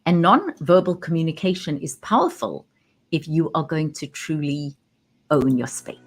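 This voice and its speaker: A woman who works as a communication coach, talking straight into her camera and stressing key words with pauses. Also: sits low, lively intonation. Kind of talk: direct-to-camera talk. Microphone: webcam.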